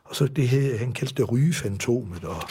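A man hosting a satirical show, talking casually and haltingly, with mild swearing. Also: mid-range voice, animated, dark tone, breathy edge. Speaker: host.

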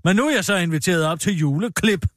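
A man's voice: high voice, no echo, clean studio sound. A man playing a sardonic, pushy woman political journalist in a satirical radio sketch, full of sarcasm. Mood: sarcastic. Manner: sarcastic, pushy, lively intonation.

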